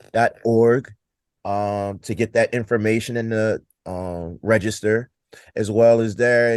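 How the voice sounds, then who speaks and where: A man answering as a podcast guest, explaining things in a measured, informative way. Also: lowish voice, clean tone, no room sound.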